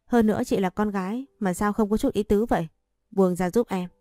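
A woman's voice: medium pitch, fairly quick, warm tone, no room sound, clean studio sound, close to an everyday voice. A woman voicing an irritated teenage boy in a storybook reading, curt and annoyed.

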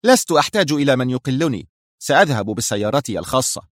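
A man's voice: mid-range voice, lively intonation, fast, no room sound, studio quality, lightly acted. A man voicing a tense woman spy chief who answers back in short, irritated lines. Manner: clipped, irritated. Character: tense, sharp-tongued woman spy boss.

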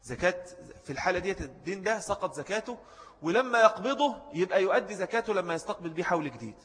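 In a long, reverberant hall, a man with an Egyptian Arabic accent delivers a fast-paced lesson on religious jurisprudence. His voice sits a bit high, with lively intonation and a fairly bright tone, and he restates key points and stops for students' questions.

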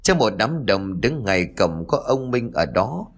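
Low-voiced man narrating a ghost story. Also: measured pace. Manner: expressive storytelling, dramatic rise and fall. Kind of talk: scripted narration.

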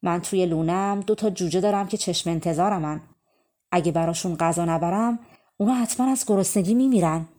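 A woman's voice: lowish voice, dark tone, natural voice. A woman voicing wild birds in a storybook, pleading earnestly for their chicks.

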